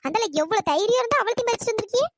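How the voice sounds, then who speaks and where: Cartoon role: woman as a shrill orchard-owning aunt, fast-talking and scolding. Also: lively intonation, noisy background. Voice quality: squeaky, sped-up cartoon voice. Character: bossy village woman orchard owner, scolding. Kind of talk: cartoon storytelling.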